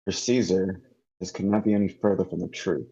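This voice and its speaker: A man reading the part of a well-spoken male narrator in his late thirties at a script table read, with a measured, formal delivery over dull, lo-fi online call audio. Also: deep voice, steady tone, dark tone, slightly rough. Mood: solemn. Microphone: computer mic in an online meeting.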